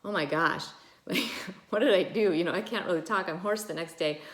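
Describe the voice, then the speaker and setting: A woman voicing a hoarse, worried patient who complains about her voice. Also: fairly low pitch, fairly quick, fairly bright tone, roomy sound, natural voice. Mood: dismayed.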